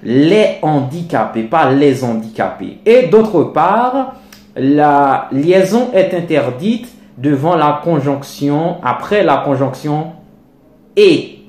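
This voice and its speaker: A man teaching a lesson on pronunciation, slowly and deliberately repeating his examples. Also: on the high side, lively intonation, a little mellow, reverberant. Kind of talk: lecture on French pronunciation.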